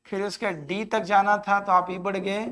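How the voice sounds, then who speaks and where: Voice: mid-range voice, flat delivery, moderate pace, a bit bright. A reasoning teacher, giving a live classroom lecture, counting aloud and urging students to answer. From Jharkhand.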